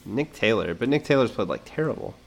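A man's voice: medium pitch, expressive, fairly quick, gravelly. A man co-hosting a casual sports betting podcast, speaking hesitantly with many fillers. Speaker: podcast co-host.

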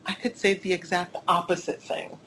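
A woman's voice: lowish voice, flat delivery, normal speed, a bit bright, slight background noise, rough recording. A woman giving conversational, emphatic answers as an interview guest, repeating phrases for stress. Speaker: guest, school admissions consultant.

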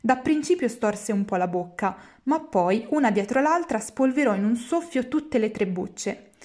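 A woman reading a children's storybook aloud in a lively, expressive way. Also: fairly high pitch, unhurried.

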